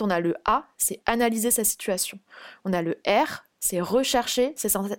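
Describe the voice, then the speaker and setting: A woman's voice: mid-range voice, dry recording, studio quality. A young adult woman, a freelance guest on a podcast interview, explaining things step by step with frequent hesitations.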